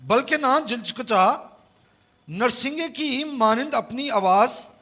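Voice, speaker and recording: A man preaching a sermon, leading the congregation in call-and-response and swinging between loud emphasis and soft low passages. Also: lively intonation, slow. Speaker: pastor.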